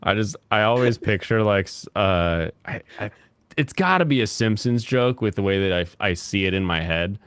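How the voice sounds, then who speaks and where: A young man with a low, resonant voice chats casually through a gaming session. He rambles, restarts and fills gaps with "like" and "um" as he plays. The sound is close and dry, with no room around it. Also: expressive, a bit bright, clean tone, dry recording. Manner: rambling, halting, with frequent fillers. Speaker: gaming host. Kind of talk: casual gameplay chat.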